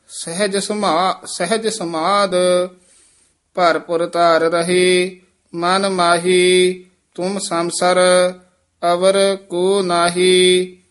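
A man teaching scripture recitation, chanting each line slowly and in a measured way. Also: high voice. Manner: measured, drawn-out chanting, then quick quiet corrections. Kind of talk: slow chanted recitation with spoken pronunciation instructions.

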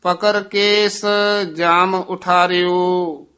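A man leads a recitation lesson, drawing each verse out very slowly in a high, bright tone. Between lines he drops to quick, quiet remarks on pauses and stresses. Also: level tone, clear, resonant tone. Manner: slow drawn-out chanting, brisk quiet asides on pauses and stresses. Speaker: scripture recitation teacher. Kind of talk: chanted scripture recitation with spoken pronunciation tips.

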